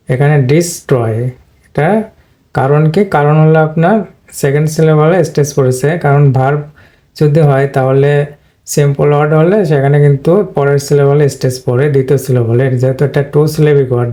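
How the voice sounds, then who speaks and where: A man gives a plain, repetitive lesson on English pronunciation, going point by point. His voice is dark and mellow, with very little rise and fall, and he clears his throat now and then. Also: a little high. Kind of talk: whiteboard lesson explanation.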